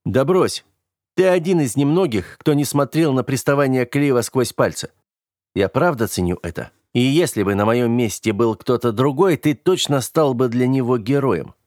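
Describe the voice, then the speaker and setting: A man's voice: mid-range voice, expressive, normal speed, a little mellow, no echo, close to an everyday voice. Male reader doing a reserved teen boy in an audiobook, subdued and earnest, dry close sound. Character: reserved teenage boy, quietly firm.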